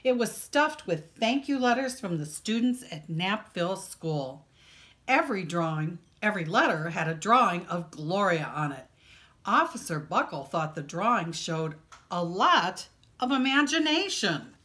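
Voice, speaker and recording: With a lowish voice, a woman acting as a librarian brings a children's picture book to life, reading expressively and hitting important words with purposeful, dramatic emphasis.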